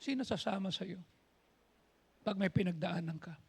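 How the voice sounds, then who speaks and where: A man's voice: sits high, normal speed, gravelly, a little mellow, breathy edge. A man preaching a sermon as pastor, telling stories and acting out what people said, slipping English phrases into his talk. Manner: storytelling preacher, quoting people in voices. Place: church.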